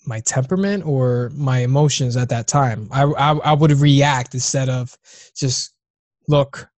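A man in his thirties rambles through a casual conversation, cursing freely and circling back over his own words. His voice is of middling pitch and sits close and dry, with no room sound around it. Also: unhurried, darkish tone, no room sound. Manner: rambling, profane, restarts often.

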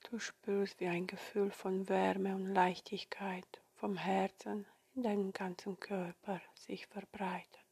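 Slow, soft half-whispering woman guiding meditation. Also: mid-range voice, level tone, breathy edge. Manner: soothing, gentle instructions with long pauses. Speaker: meditation guide.

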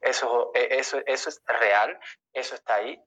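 A man's voice: mid-range voice, moderate pace, bright, forceful tone. A man organizing a summit who defends himself in a heated live discussion, insistent and repeating himself when interrupted. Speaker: summit organizer speaking on a call-in talk stream. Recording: lo-fi stream audio.

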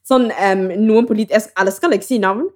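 A young woman co-hosting a podcast, telling stories in lively casual chat, acting out quotes and swearing freely. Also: medium pitch. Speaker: podcast co-host.

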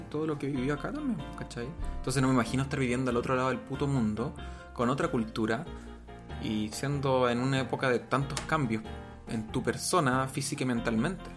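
A man's voice: mid-range voice, brisk, music in the background. A young man with a Chilean accent, co-hosting a podcast, joking and teasing with slang. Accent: Chilean Spanish. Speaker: podcast co-host. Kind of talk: casual chat.

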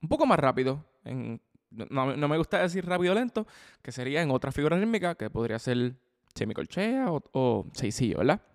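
On his podcast, a man gives a chatty, casual drum lesson, frequently repeating himself, restarting phrases and checking in with whoever's listening. He talks briskly in a voice on the high side with big pitch swings, and there's long hall reverb.

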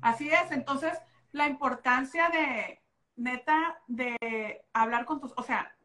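A woman with a Mexican accent talks casually on a podcast about motherhood. Her voice sits a little high, and she tells stories in an animated, expressive way full of slang. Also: takes it slowly. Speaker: podcast co-host.

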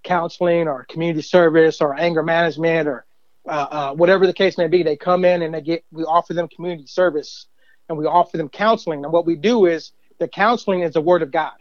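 Rambling man, slightly high, dull sound. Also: steady tone, fast talker, no room sound. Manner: rambling, many fillers and "you know what I mean". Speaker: guest, church usher and youth minister. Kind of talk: casual testimony interview.

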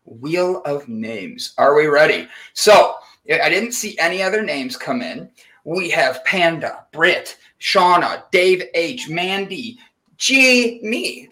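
A male host with a fairly high, bright voice, chatting casually and energetically to his viewers. He rambles a little and keeps things upbeat. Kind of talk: casual live-stream chat.

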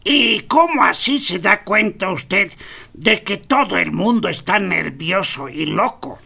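A nervous, stammering psychiatrist, as a man acts him out in a comedy sketch. His voice is high, gravelly and husky, with a sharp, tense edge. He talks slowly and tries to soothe his patient. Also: animated, exaggerated voice. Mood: fussy, soothing.

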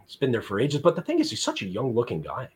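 A man hosting a casual sports podcast, talking in an animated, enthusiastic way. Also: medium pitch, fast. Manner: animated, enthusiastic, uses filler phrases. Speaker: podcast host.

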